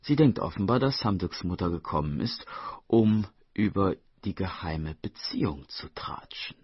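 A male documentary narrator tells the story in an expressive, scripted style. His voice is low, very husky and breathy, and moves with a lively pitch. The recording is dry and somewhat dull, like a studio voice-over. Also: moderate pace, no room sound.

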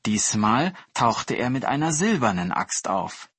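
A man reading a fairy tale aloud in a calm, storybook narration style. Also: medium pitch, a little slow, slightly rough, no echo.

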